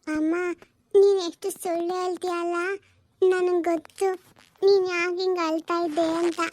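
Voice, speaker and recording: A woman plays a small, earnest daughter who is recovering from a fever, with a very high and flat voice that keeps asking and pleading. This is a homemade family drama recorded dry and close. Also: normal speed, dry recording. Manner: pleading and questioning. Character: little daughter, sick, caring and earnest.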